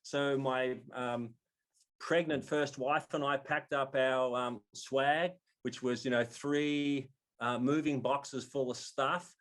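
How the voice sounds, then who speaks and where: A man's voice: mid-range voice, fairly even intonation, slow pace, fairly bright tone. Australian man, 60s, wry storyteller, video call from home. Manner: jovial, wry, self-deprecating. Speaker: storyteller at a community event. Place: home room indoors.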